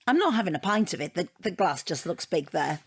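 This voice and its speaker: In an audio comedy drama, a middle-aged British divorcee rambles chattily, wry and defensive, constantly justifying herself in a breezy mood. Her fairly low, husky voice is sing-song, fairly quick and exaggerated, recorded dry and close with no room sound.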